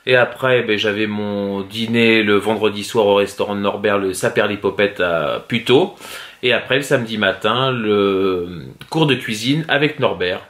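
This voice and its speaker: Man, fairly low pitch, family vlog father, casual conversational delivery. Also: moderate pace, a bit bright. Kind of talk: casual chat.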